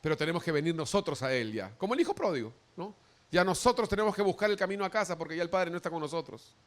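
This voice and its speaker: Male pastor, sermon, animated delivery, acts out voices, slightly high voice. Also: rapid-fire. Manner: animated preaching, acts out quoted voices with rising pitch.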